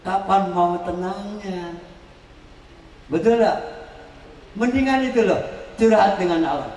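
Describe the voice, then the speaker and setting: A man preaching at a wedding celebration, lively and joking, acting out quotes with sudden shouts. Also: sits high, takes it slowly, pauses often. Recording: echoey hall, voice from far off.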